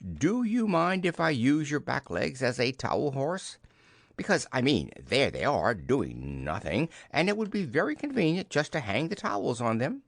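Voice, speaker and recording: A man voicing a brisk, fussy, stern storybook rabbit in a clipped, proper manner. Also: medium pitch, big pitch swings, no room sound, studio quality. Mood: cheerful.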